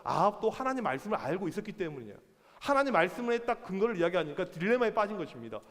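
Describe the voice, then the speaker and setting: A man preaching to a youth group in a church hall, playful and animated, acting out the people he talks about. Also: sits high, very fast. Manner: animated, playful, acts out characters. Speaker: youth pastor. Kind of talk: sermon. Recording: long reverb of a hall.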